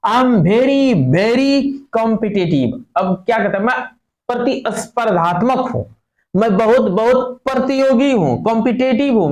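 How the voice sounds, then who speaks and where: Male teacher, high voice, quizzing the class, reverberant classroom. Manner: asks students questions and repeats answers, mixes English lines with Hindi explanation. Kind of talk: classroom lesson explaining an English text.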